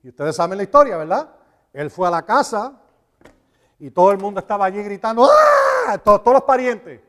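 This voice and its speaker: High-voiced man preaching in a reverberant hall. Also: a little fast. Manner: animated, emphatic, repeats phrases for stress. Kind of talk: sermon.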